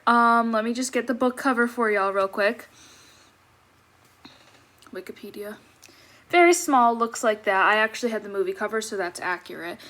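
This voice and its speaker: High-voiced young woman, talking after wisdom teeth removal. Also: a bit bright. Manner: chatty, self-interrupting, apologetic asides. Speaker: book vlogger. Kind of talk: casual chat to viewers. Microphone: tablet microphone.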